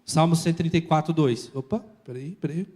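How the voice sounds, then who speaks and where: A man preaching a sermon as pastor in a church, lively and urging the congregation to repeat words and shout. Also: on the high side, fast. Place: church hall with live congregation.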